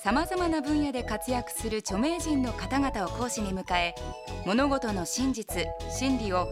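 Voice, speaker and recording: A woman giving scripted TV narration in a crisp, polite announcer manner. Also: on the high side, animated, a little slow, music in the background. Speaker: program narrator.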